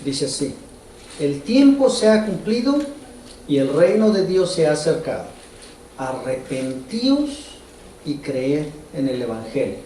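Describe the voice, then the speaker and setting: A man preaches in a large church hall, his voice heavily echoing and picked up from a distance. His tone is mellow and a touch high, and he talks to the congregation conversationally, asking them questions directly. A faint room hum sits underneath. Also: big pitch swings, a little slow. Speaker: pastor. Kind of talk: sermon. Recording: roomy echo from far off.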